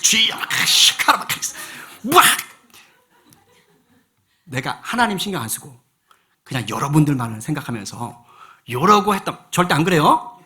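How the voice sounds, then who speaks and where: A male senior pastor giving a lively sermon in church, acting out voices and asking the congregation questions. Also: fairly high pitch, brisk. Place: church sanctuary.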